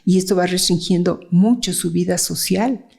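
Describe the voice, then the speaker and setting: A woman's voice: fairly low pitch, fairly even intonation, normal speed, gravelly, darkish tone. A woman child psychiatrist, explaining cases in a conversational interview, with fillers and frequent "¿sí?" checks. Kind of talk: explanatory interview talk with anecdotes.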